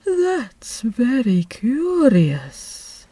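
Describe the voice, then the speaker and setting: A woman voicing the Mock Turtle, a slow, mournful male creature who is easily offended, in a storybook reading. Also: medium pitch, lively intonation, warm tone, dry recording. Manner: slow, drawn-out, sighing delivery.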